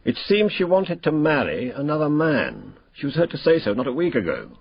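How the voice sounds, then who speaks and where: An actor playing a blunt, cocksure English police inspector with colloquial, matter-of-fact delivery in a radio drama. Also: male voice, fairly high pitch, huge pitch swings, fairly quick, gravelly, slightly rough, no echo, heavily acted. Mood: blunt, scornful. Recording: muffled radio drama recording.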